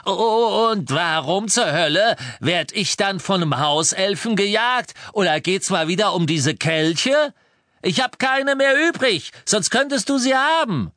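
A man's voice: sits high, animated, measured pace, bright, forceful tone, no echo, exaggerated voice. A man playing a cowardly, shifty small-time crook wizard who whines, cusses and talks defensively. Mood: evasive. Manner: whiny, defensive, cursing. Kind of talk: audiobook character voice.

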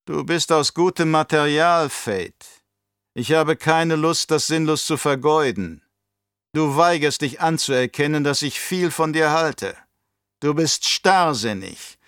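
A man voicing a scheming old baron with a slow, mocking, condescending delivery in an audiobook. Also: a little high, a bit bright, clean tone, dry recording, clean studio sound, pitched above the performer's own voice. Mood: menacing. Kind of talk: audiobook character voice.

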